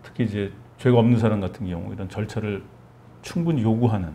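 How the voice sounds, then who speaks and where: A man's voice: on the low side, fast talker, mellow, a little hiss or hum. A middle-aged man hosting a talk program, summing up the guest's points in a reflective, chatty way. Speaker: program host. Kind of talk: conversational talk-show hosting.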